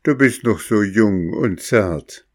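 A man voicing a kindly old grey fisherman in a fairy tale, slow and fatherly. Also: lowish voice, lively intonation, darkish tone, dry recording, studio quality, pitched above the performer's own voice. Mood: warning. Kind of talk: storybook reading.

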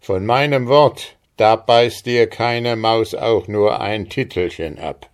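Blustering stout farmer, loud and boastful, as a male storyteller puts him on, unhurried delivery. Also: on the low side, smooth.

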